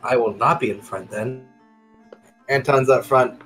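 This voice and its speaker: A man at a middle pitch plays a tabletop game, speaking briskly about where his character stands. Faint music hums behind him. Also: fairly bright tone, poor audio. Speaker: player. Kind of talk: casual game chat.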